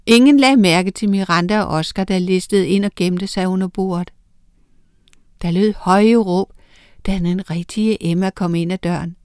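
A woman reading a children's story aloud in a steady, expressive way. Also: mid-range voice, clean tone, no echo, clean studio sound. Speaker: narrator.

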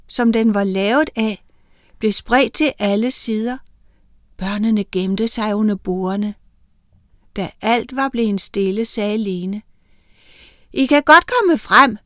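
A woman author reads a children's story aloud on the radio in a clear, measured way. Her voice sits on the high side for a woman. The close microphone gives a dry sound with no room echo.

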